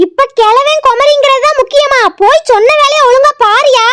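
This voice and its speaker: A sassy young daughter-in-law with quick comebacks, voiced by a woman. Her cartoon voice is extremely high and childlike, with a southern Tamil Nadu accent. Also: a bit bright. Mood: cheeky. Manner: sassy, cheeky, quick retorts. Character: cheeky young daughter-in-law, sharp-tongued. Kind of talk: cartoon voice acting.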